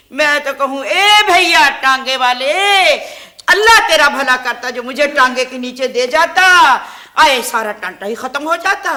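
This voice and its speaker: A woman's voice: high voice, bright, forceful tone, full character voice. A quarrelsome old grandmother. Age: older. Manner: theatrical complaining, scolding. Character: quarrelsome widowed grandmother, dramatic. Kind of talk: old TV sitcom acting.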